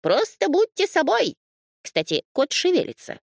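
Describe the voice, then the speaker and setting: Woman voicing a high, dreamy know-it-all sheep. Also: wildly swooping pitch, creaky, no echo, studio quality, heavily acted. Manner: slow, dreamy, rambling pronouncements. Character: odd, know-it-all female stray sheep. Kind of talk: storybook reading.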